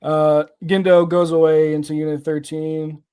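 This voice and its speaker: A man's voice: a little high, normal speed, clear, resonant tone. Casual young man recapping a film. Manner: relaxed, acts out scenes in quoted voices. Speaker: podcast co-host. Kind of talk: casual chat.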